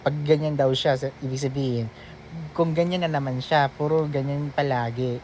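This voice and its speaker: A man's voice: medium pitch, fairly even intonation, normal speed, a little mellow, slight background noise. A man hosting a reaction video, casually reading out posts and chats with teasing, mock-scolding remarks and frequent laughter.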